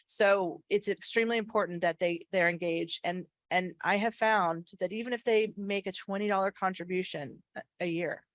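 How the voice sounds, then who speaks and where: A woman on an association's government affairs staff gives an earnest, emphatic, persuasive talk to a meeting, repeating key phrases. Her speech is slightly slurred because she's wearing a retainer. Her voice is fairly low and steady at a moderate pace, with no echo.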